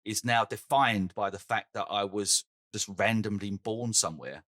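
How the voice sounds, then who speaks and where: A middle-aged man from England chats casually as a podcast co-host. His voice is bright and forward, and he talks in an animated way. The sound is dry and close. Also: lowish voice, normal speed, no echo. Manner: animated, swears and laughs easily. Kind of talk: casual chat.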